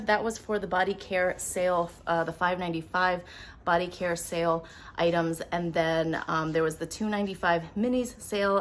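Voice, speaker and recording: A woman doing a casual product haul vlog at home, chatty and upfront, talking quickly to the camera. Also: on the low side. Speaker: beauty vlogger. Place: at home with windows open. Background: faint household noise, dog walking around.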